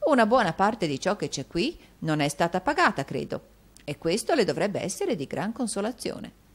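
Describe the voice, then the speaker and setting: A woman reading an audiobook and voicing a jovial, brisk male bailiff in a breezy, mock-cheerful manner. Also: mid-range voice, sing-song, husky.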